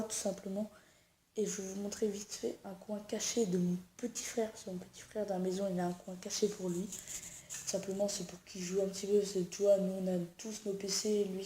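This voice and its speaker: Rambling young woman, dark tone. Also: mid-range voice, a little hiss or hum. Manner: rambling with many fillers and restarts. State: sick. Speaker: YouTuber. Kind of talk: casual home-tour vlog. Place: at home indoors.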